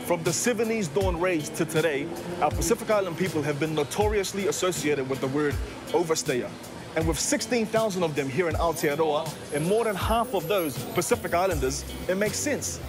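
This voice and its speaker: A man's voice: on the high side, animated, a little fast, over music. A man giving earnest scripted narration for a magazine segment.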